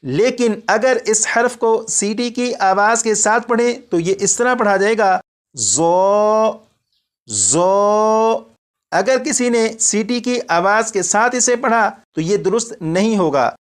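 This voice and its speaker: The lesson is on reciting the Quran, delivered by a man whose voice sits high. He sounds out letters at a slow pace and calmly repeats each point for the class.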